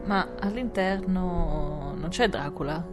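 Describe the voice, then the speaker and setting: A woman with a lowish voice, co-hosting a film chat over faint music. She tells the story playfully and conversationally. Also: slow pace. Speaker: podcast co-host. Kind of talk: casual film chat and plot retelling.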